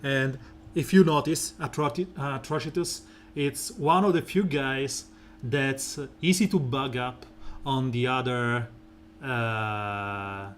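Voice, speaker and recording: Casually commentating his mobile game stream, a man works through team strategy with many fillers in a laid-back, wandering way. The voice is smooth and soft, deepening whenever he speaks slowly.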